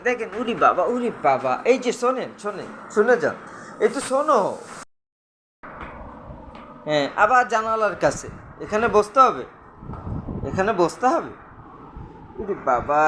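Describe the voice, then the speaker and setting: A man's voice: sits high, fairly bright tone, slight background noise. A man at home talking to his toddler in coaxing, sing-song baby talk, full of playful exclamations. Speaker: father filming his toddler. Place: at home indoors.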